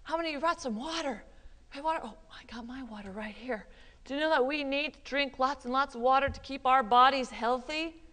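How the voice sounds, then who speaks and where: A woman leading a live children's yoga class in a library, coaxing and animated, with Spanish words sprinkled in. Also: high voice, a little fast, long reverb tail. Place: public library room, live audience.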